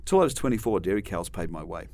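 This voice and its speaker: A middle-aged New Zealander with a Kiwi accent is a guest telling stories in a conversational interview, rambling with many restarts and dry humor. His low, darkish voice comes out fast and animated.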